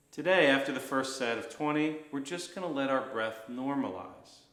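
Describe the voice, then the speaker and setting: A man instructing a guided breathing practice in an unhurried, gently reassuring manner. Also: medium pitch, roomy sound.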